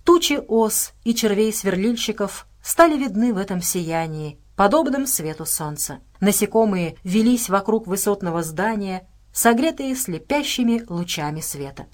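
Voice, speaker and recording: A woman narrates an audiobook at a steady, measured pace. She leans on key words for drama. Her voice sits at a middle pitch for a woman. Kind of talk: scripted narration.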